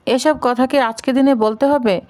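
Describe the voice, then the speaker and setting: Indignant mother, middle-aged, raised voice, higher pitch; read by a woman narrator. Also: fairly even intonation, moderate pace, a little mellow, natural voice.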